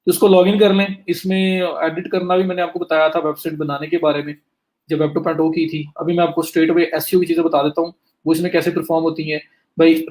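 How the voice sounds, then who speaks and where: A digital marketing instructor leads a live screen-share class online, guiding students click by click and speaking to them directly, noting that he talks fast to cover more ground. His speech has a certain flavour, and his voice is fairly high and slightly mellow.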